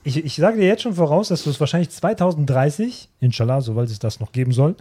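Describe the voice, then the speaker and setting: A man chatting on a podcast, rambling excitedly and acting out quoted characters. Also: a little high, fast talker, slightly rough. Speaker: podcast co-host. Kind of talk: casual chat.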